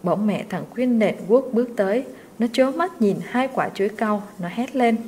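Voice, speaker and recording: Woman storyteller, steady expressive reading, mid pitch. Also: moderate pace, a little hiss or hum. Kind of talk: reading a short story aloud.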